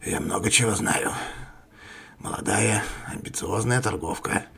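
A man voicing a calm, sinister male rebel leader who speaks slowly and courteously, with a husky, creaky voice. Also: lowish voice, heavily acted. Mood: suave menace. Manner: slow, courteous, menacing.

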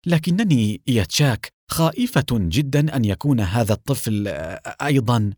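A man's voice: medium pitch, big pitch swings, a little fast, a little mellow, no echo, studio quality. A man voicing a guilt-ridden, frightened pregnant mother who speaks in a distressed, tearful way.

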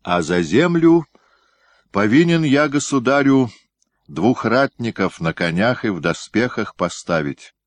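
A man's voice: medium pitch, expressive, measured pace, no room sound, pitched above the performer's own voice, lightly acted. A man voicing an earnest young male warrior in an audiobook, with old-fashioned folksy speech, tender and troubled. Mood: weary. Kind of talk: audiobook character reading.

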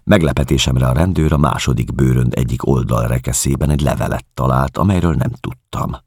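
A man reading a novel aloud as an audiobook, in a measured, calm first-person voice. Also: very deep voice, creaky, husky, no echo, clean studio sound. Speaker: audiobook narrator.

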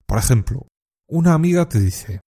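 A man from teaching expressions in a calm, measured scripted lesson, now and then acting out short example phrases. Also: mid-range voice, slightly rough. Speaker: Spanish teacher.

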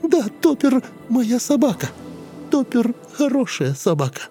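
A woman's voice: on the high side, big pitch swings, a little slow, warm tone, faint music behind. A woman voicing a hypnotized woman who speaks as a ten-year-old girl, sobbing and pleading. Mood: childlike, sad. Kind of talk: audiobook character voice.

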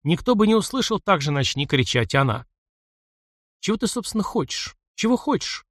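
A man voicing a tense, quiet woman. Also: lively intonation, a little fast, no echo, clean studio sound. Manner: quiet, tense, speaking low. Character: frightened but defiant woman official.

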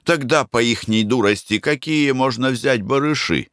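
A man reading a classic novel aloud as a narrator, in a measured storytelling manner. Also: mid-range voice, a bit bright, no echo, studio quality. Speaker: audiobook narrator. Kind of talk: scripted narration.

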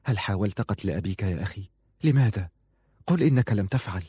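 A man's voice: on the low side, expressive, quick pace, warm tone, breathy edge, dry recording, studio quality. An anxious older brother pleads urgently, as a male storyteller voices him. His tone is reproachful and worried. The storybook figure speaks with a slightly raised voice. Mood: pleading.

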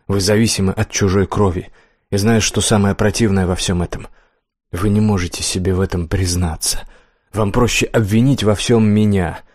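A man voicing Death as a hooded old woman, weary and bitter, who speaks quietly with a hiss and breaks into angry accusations in an audiobook. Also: lowish voice, dry recording, studio quality, natural voice. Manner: quiet, hissing menace rising to angry outbursts. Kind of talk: audiobook character reading.

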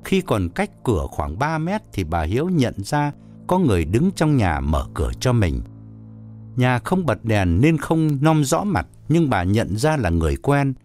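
Expressive male narrator. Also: mid-range voice, unhurried, faint music behind. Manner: expressive storytelling. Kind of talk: scripted narration.

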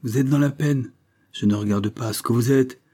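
A man's voice: mid-range voice, moderate pace, darkish tone, pitched above the performer's own voice, close to an everyday voice. A man reading the part of an older, kind peasant mother who talks in plain, earnest country speech.

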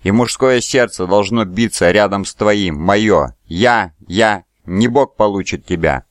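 A jealous priest rages in short, desperate bursts, as a man reads him in an audiobook. The voice sits very low. The sound is dry and close. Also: measured pace, no room sound, close to an everyday voice. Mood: frenzied. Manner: shouting in frantic bursts. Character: frenzied jealous male temple priest. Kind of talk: audiobook character voice.

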